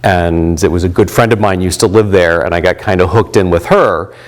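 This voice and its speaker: A man in his late fifties with a deep, low voice talks through his volunteer ministry work. He speaks in a loose, rambling way, full of "um"s and restarted sentences. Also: a little fast. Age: 50s. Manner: rambling, many fillers and restarts. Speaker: volunteer chaplain and pastor. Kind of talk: reflective interview talk.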